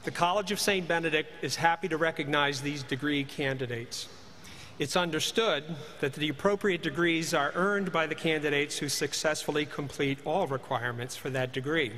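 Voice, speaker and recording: A man formally announcing graduates at a commencement, speaking at a podium microphone and reading names in a measured, deliberate way. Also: fairly high pitch, sharp tone, slight background noise. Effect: speaking into a podium microphone in a large hall. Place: large ceremony hall. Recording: reverberant hall, faint ambience.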